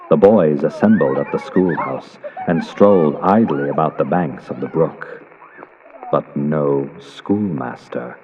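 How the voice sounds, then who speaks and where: A very deep-voiced man delivers a scripted tale emphatically, with the suspenseful theatricality of classic radio horror. Loud ambience and clopping horse hooves sit over the dull, lo-fi recording, which carries a little hiss or hum.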